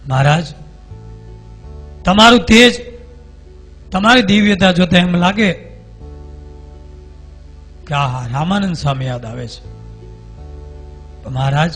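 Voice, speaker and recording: A man's voice: high voice, animated, slow, long pauses, fairly bright tone, soft background music. A man with a Gujarati accent preaching a devotional story sermon, acting out the characters' dialogue as he tells it. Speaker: swami preacher.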